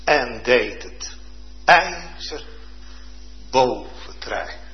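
A man preaching a sermon with fervent, dramatic delivery, dropping to hushed tones and rising to loud exclamations. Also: medium pitch, expressive, drawn-out words. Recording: dull lo-fi sound.

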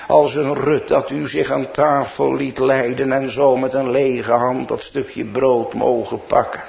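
A man's voice: medium pitch, creaky, muffled recording. A man with a Dutch accent preaching a sermon as pastor, building to emphatic peaks.

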